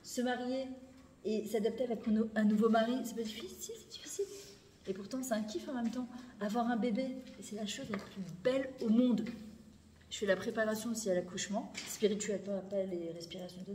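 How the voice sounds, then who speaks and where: A middle-aged woman giving an animated, emphatic Torah lesson to a room of women, repeating phrases and mixing in Hebrew words. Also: fairly high pitch. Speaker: Torah teacher. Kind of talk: spoken lesson to a women's audience. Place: lecture hall. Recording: echoey hall, faint background noise.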